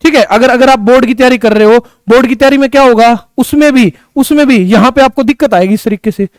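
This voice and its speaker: A man's voice: extremely high pitch, fast talker, no room sound. A man teaching a chemistry class, repeating key words, asking students questions and answering them himself, terms into his speech. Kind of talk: classroom lecture.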